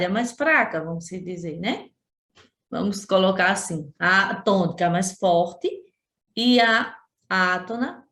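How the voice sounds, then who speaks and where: A woman's voice: mid-range voice, a bit bright. A woman teacher from Sergipe with a Brazilian Portuguese accent, giving a remote class lesson and patiently repeating and stressing syllables. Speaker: schoolteacher. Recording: roomy echo.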